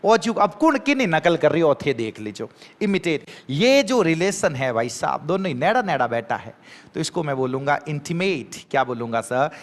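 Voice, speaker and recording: A man teaching vocabulary for an exam with lively energy, spelling words letter by letter and drilling with repeated questions. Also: a little high, moderate pace. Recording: long hall reverb.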